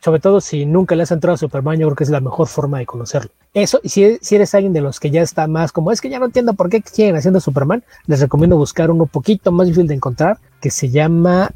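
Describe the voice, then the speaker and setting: Co-host, fast and husky, fond of correcting facts. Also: male voice, a little high, mellow, dry recording. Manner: precise, corrects details. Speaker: podcast co-host. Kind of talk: casual chat.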